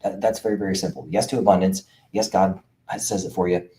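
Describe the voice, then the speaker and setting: Middle-aged guy, low dark voice, preachy and pushy, lots of uhs, talking to camera. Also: steady tone, fairly quick. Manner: emphatic, preachy, repeats himself with filler uhs. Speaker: veterans' benefits coach and show host. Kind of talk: casual direct-to-camera monologue.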